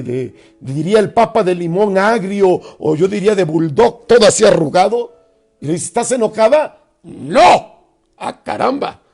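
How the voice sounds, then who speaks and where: A middle-aged man gives an expressive motivational talk, acting out little dialogues. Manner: expressive, acts out little dialogues with sudden pitch swings. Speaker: speaker on emotional self-control.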